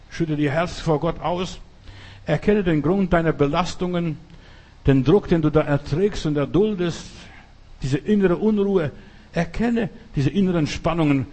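Veteran male pastor, fervent repetitive preaching, raised pitch. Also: darkish tone. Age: older. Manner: emphatic, repetitive preaching with dramatic prayers. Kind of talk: sermon.

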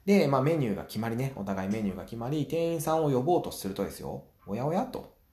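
Fast, lively-voiced man hosting a talk show. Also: mid-range voice, echoey room. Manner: chatty, acts out little scenes; frequent filler sounds. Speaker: podcast host. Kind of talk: solo advice talk show.

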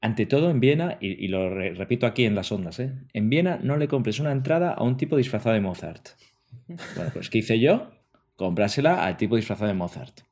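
Deep-voiced wry man. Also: lively intonation, a little fast, a little mellow. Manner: wry, self-mocking, addresses the others directly. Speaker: podcast co-host. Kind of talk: casual conversation.

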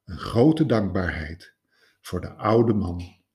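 A man narrating a fable in a slow, measured storytelling voice. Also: deep voice, animated, a little mellow.

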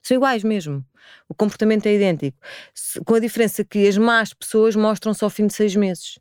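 A woman in her forties with a European Portuguese accent, chatting as a podcast guest. She tells stories in an animated, expressive way, and her voice is smooth and clear. The recording is close and dry, with no room echo. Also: mid-range voice, fairly quick. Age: 40s. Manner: expressive, animated storytelling with frequent laughs. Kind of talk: casual chat.

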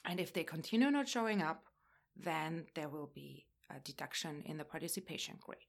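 Woman, non-native English speaker, instructor, lowish voice, measured explanation. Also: expressive, vocal fry. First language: not English. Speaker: literature instructor. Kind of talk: panel discussion answer.

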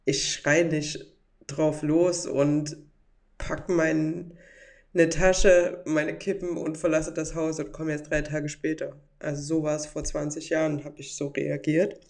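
A woman's voice: deep voice, little pitch movement, slow, darkish tone. A woman in her forties hosting a podcast, talking reflectively and reading out messages from listeners. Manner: reflective, reads follower messages aloud. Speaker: podcast host. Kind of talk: casual monologue.

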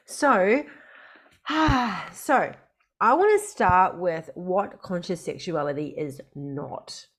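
A woman's voice: lowish voice, lively intonation, takes it slowly. A woman hosting a podcast in a conversational way. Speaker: podcast host.

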